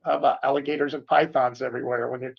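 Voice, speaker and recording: A laid-back co-host trading jokes in casual talk-show banter. The voice is gravelly with lots of fry, and the recording sounds dull and lo-fi. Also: mid-range voice, fairly even intonation, rapid-fire. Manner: easygoing, joking banter. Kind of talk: casual chat.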